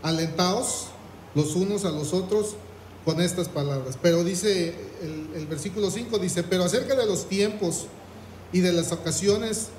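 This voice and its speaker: A man's voice: sits high, unhurried, darkish tone, reverberant, slight background noise, rough recording. A man preaching a sermon, reading scripture aloud and asking the congregation questions. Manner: reads scripture aloud, asks the congregation "¿qué?".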